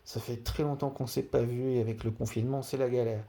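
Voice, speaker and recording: Un homme qui zozote, avec des s chuintants, commente en amateur un match de jeu vidéo en direct et répète certains mots pour insister. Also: male voice, medium pitch, steady tone, brisk, creaky, warm tone. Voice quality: lisping, slushy s and sh sounds. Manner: repeats key words for emphasis. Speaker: amateur live streamer. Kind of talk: football video game commentary and dedication to a friend.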